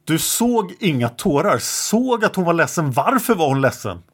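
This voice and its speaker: A man reading aloud the questions of a male investigator who is questioning a child, in a plain, measured way. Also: a little high, big pitch swings, slightly rough, pitched above the performer's own voice. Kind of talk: reading an interrogation transcript aloud.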